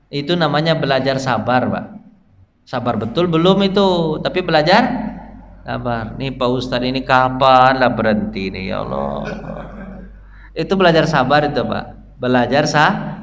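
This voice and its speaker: A man with an Indonesian accent giving a casual mosque sermon, lively and joking, often quizzing his listeners. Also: medium pitch, slight background noise. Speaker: ustadz giving a dawn mosque study talk. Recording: reverberant mosque hall, faint ambience.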